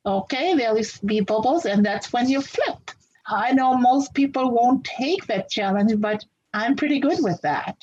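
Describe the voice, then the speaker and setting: A woman's voice: fairly high pitch, animated, a little slow, highs cut off, background noise. A woman from Fiji answering interview questions in a practical, upbeat way. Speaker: interview guest.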